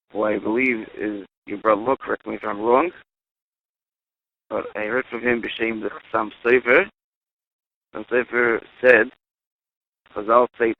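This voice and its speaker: A man leaving an earnest voicemail message for a radio show, mixing Hebrew and Aramaic terms into his English. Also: medium pitch. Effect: played voicemail message. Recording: tinny phone-line voicemail.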